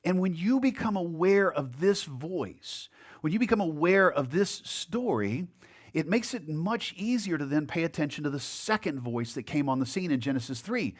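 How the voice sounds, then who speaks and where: A man's voice: a little high, expressive, normal speed. A male pastor preaching a conversational sermon in a church, with casual asides to the congregation. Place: church sanctuary. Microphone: handheld or headset mic.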